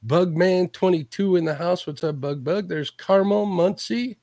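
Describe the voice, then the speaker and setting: A man's voice: sits high, moderate pace, a little mellow, dry recording. Friendly man greeting live-stream viewers. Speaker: co-host of live fishing stream. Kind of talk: casual live-stream chat.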